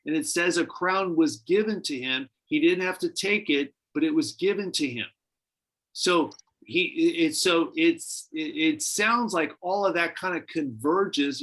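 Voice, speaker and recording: A man with a somewhat high voice leads a church Bible study. He talks in a relaxed, musing way, often restarting his sentences as he thinks aloud. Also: rough recording. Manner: conversational, speculative, many restarts. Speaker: pastor.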